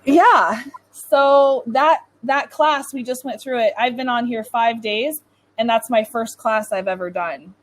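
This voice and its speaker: Over a video call, a North American woman tutors English in a chatty, informal one-to-one lesson, saying "like" a lot. Her voice is on the high side and unhurried, and the recording is rough.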